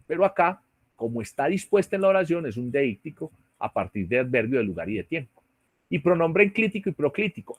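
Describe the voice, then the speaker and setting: A man's voice: a little high, dry recording, studio quality. Male teacher explaining grammar online. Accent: Colombian Spanish. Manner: explanatory, checks in with "¿sí?" and "¿cierto?". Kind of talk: online class lecture. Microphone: computer mic on a video call.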